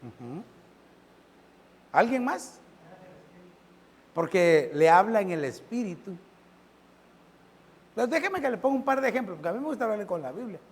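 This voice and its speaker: A pastor preaching a sermon. He keeps asking the congregation questions and swings between loud and soft. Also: high voice, sing-song, moderate pace, pauses often, husky, long reverb tail.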